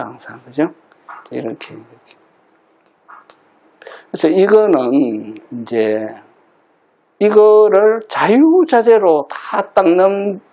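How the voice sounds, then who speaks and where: A man's voice: fairly high pitch, warm tone, dull audio. A middle-aged man teaching meditation in a Buddhist dharma talk, explaining patiently and repeating key terms for emphasis.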